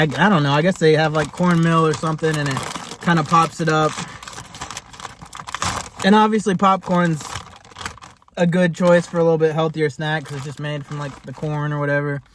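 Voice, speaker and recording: A man's voice: fairly high pitch, a bit bright, slight background noise. A man giving a casual, rambling food review in a laid-back, chatty way, as host of a taste test. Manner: rambling, laid-back, hesitant phrasing with lots of "like".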